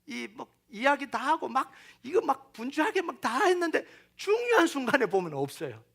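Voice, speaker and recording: A middle-aged man preaching a sermon as pastor, animated, acting out quoted voices and sinking to near-whispers. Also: very high-pitched, normal speed, creaky.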